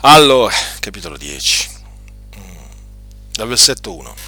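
A man's voice: lowish voice, big pitch swings, moderate pace, bright, forceful tone, slight background noise. A man preaching a sermon with impassioned emphasis and frequent rhetorical questions.

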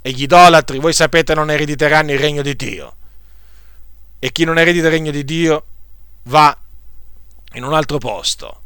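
A man's voice: on the high side, pushed and bright, clear, resonant tone, dry recording, studio quality. A man preaching a sermon, emphatic and repeating phrases for stress.

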